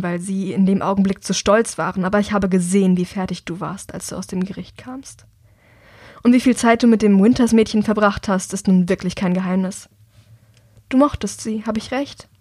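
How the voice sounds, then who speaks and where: A woman's voice: mid-range voice, moderate pace, a little mellow, no echo, studio quality, natural voice. A woman narrator voicing a hurt, blunt young man who speaks emphatically. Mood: earnest.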